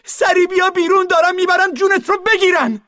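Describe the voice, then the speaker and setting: A man voicing a motherly mare in an audiobook, crying out desperately in a shrill voice. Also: fairly even intonation, sharp tone, dry recording, studio quality. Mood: desperate calling. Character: motherly mare, terrified for a friend. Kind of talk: audiobook character voice.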